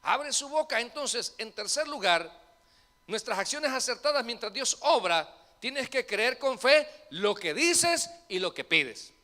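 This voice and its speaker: A male pastor preaching a sermon in a church, animated and asking the congregation questions. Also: very high-pitched, measured pace. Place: church sanctuary. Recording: reverberant church hall.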